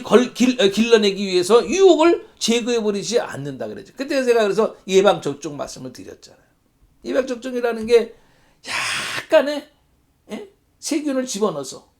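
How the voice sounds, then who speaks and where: A male pastor leads a church Bible study, reading passages aloud and turning to the congregation with questions. His voice sits high and rises and falls with a lively swing. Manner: reads scripture aloud, asks the congregation rhetorical questions.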